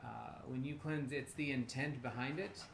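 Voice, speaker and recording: A man's voice: mid-range voice, steady tone, normal speed, a bit bright. An American man co-hosting a casual livestream, rambling and bantering as he goes. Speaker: co-host. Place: indoor room. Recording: roomy echo, faint background noise.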